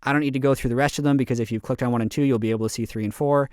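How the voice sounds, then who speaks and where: A man's voice: mid-range voice, steady tone, rapid-fire, a little mellow, clean tone. A man hosting a podcast in an easygoing, upbeat way, sometimes running through lists of results. His voice sits mid-range and sounds close and dry, with no room echo. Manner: upbeat, conversational, reads out lists. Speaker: podcast host. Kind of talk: casual podcast chat.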